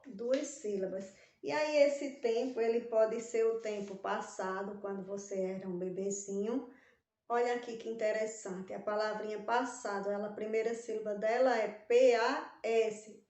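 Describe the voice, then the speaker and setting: With a slightly high, somewhat mellow voice, a Brazilian woman teaches young kids in a recorded class, lengthening syllables and giving key words a sing-song emphasis. She's a primary school teacher with a Brazilian Portuguese accent, and the sound is roomy.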